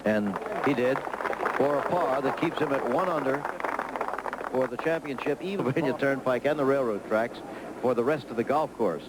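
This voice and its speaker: A man's voice: medium pitch, normal speed, very noisy. A man giving golf commentary in short, exclamatory remarks on an outdoor broadcast.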